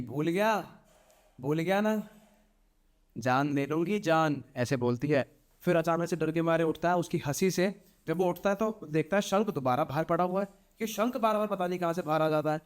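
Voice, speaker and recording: A man's voice: fairly high pitch, fairly quick. A young man, a podcast guest, telling a horror story dramatically, repeating phrases and acting out voices. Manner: animated, repetitive, acts out voices.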